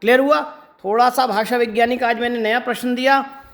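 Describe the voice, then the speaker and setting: A man's voice: very high-pitched, fairly even intonation. A man teaching an exam-prep lecture. He explains step by step and often checks in with rhetorical questions. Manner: stretches words slowly to demonstrate pronunciation. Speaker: Hindi teacher.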